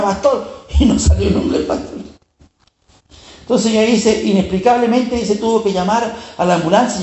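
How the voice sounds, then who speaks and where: A man's voice: sits high, a little mellow. A man preaching a storytelling sermon, often turning to the listener to check they follow. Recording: echoey room.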